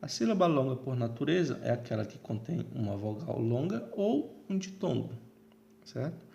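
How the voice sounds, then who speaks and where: A man's voice: medium pitch, big pitch swings, moderate pace, gravelly, mellow, dull audio. A man teaching Latin in a recorded online lesson, explaining step by step and checking in with listeners.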